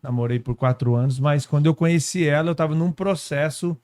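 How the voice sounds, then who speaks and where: A man from São Paulo state telling his story as a guest pastor, unhurried, tagging his sentences with little questions. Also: a little high, a little mellow. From São Paulo state, Brazil. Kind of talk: casual testimony conversation. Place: podcast studio.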